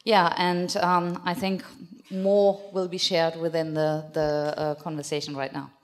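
A woman in her forties speaks English with a German accent into a handheld mic. Her voice sits slightly low, and her speech is halting, with many ums. A long reverb from the conference hall trails behind her words. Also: flat delivery. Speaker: panelist. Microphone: handheld microphone.

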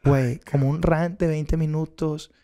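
A man's voice: on the high side, fairly even intonation, measured pace, warm tone. A young Mexican man with a Mexican Spanish accent, a podcast guest who tells a story in a casual, slangy way, laughing often and acting out the people in it.

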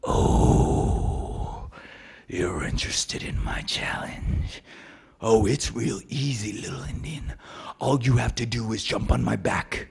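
A man voicing a huge, haughty male elk who speaks slowly, low and half whispered. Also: vocal fry, slightly rough, exaggerated voice. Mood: mocking.

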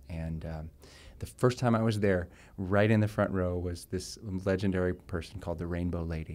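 A man's voice: low voice, a little mellow. A man being interviewed before his show, chatty and self-deprecating, laughing often and at times getting choked up. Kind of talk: candid pre-show interview. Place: club venue before a show.

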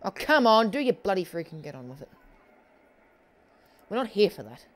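A young gamer talks through a football match as he plays, reacting out loud to every near miss and goal. The pitch sits in an ordinary middle range, and the delivery jumps between muttered asides and sudden exclamations, picked up close on a headset. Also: normal speed. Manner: excitable, talks to himself while playing, frequent exclamations. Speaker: gaming channel host. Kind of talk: live gameplay commentary. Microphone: headset headphones.

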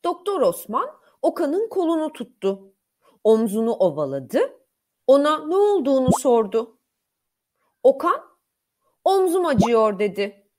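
High, lively woman teacher reading a story. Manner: clear, expressive, deliberate. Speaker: primary school teacher. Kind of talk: storybook reading for young children.

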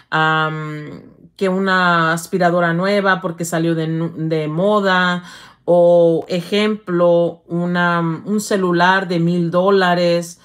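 A middle-aged woman, hosting a casual livestream, reading viewer comments aloud and calling her viewers "hija" in an affectionate, halting manner. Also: lowish voice. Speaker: livestream host.

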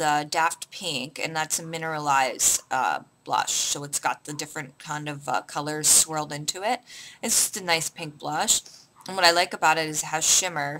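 A chatty young woman from Canada answering beauty questions in a casual vlog. Her voice is fairly low-pitched yet bright and forward, and she rambles through fillers and restarts. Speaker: beauty vlogger.

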